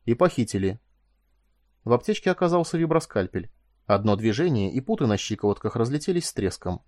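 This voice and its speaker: Audiobook narrator, male, measured delivery, dry studio mic. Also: no echo. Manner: raises pitch and volume for dialogue, calm in narration. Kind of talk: scripted narration voicing all characters.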